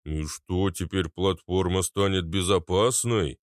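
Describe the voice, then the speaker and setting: A man voicing a huge armored male giant who talks slowly and plainly, in an audiobook reading. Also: low voice, no echo, studio quality. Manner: slow, plain-spoken.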